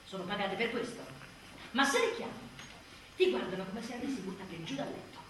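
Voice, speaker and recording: A woman playing an exhausted, furious new mother in a theatrical monologue, biting and sarcastic, swinging from shouts to hushed tones. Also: mid-range voice, big pitch swings, fairly quick, far from the mic, slight background noise. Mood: weary. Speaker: stage actress. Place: theatre stage. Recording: very echoey stage recording from afar.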